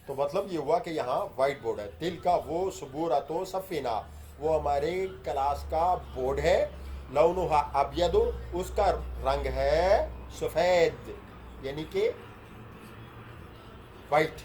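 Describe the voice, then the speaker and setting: A man's voice: a little high, a little mellow, slight background noise. A man teaching an Arabic grammar lesson, reading each phrase aloud and then explaining and repeating it. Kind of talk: lesson explaining a text line by line.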